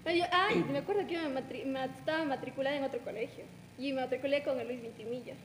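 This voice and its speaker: A young woman in her twenties chatting casually, recalling school days with quick laughing asides. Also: high voice, reverberant, long reverb tail, slight background noise. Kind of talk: casual chat.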